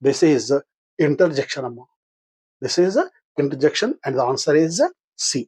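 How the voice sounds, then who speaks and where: A man's voice: medium pitch, very slow, a little mellow, husky. An older man with a Telugu accent teaching English grammar for exam practice, patiently asking questions and answering them himself. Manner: patient, asks and answers his own questions.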